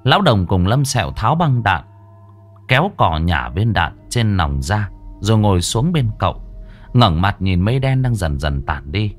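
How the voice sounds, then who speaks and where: A man narrating a story in a lively, dramatic reading. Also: fairly low pitch, moderate pace. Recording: faint music behind.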